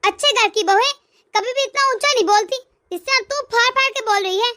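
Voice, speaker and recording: A woman voicing a harsh, taunting old mother-in-law in a cartoon, in a high, bright voice with a dry sound. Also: a little fast. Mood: scolding. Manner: taunting, scornful. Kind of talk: cartoon voice acting.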